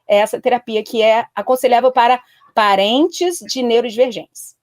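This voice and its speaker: A woman's voice: a little high, steady tone, normal speed, darkish tone, dry recording. A woman guest on a live talk show who gives counsel in an earnest, emphatic way and repeats her warnings to stress them.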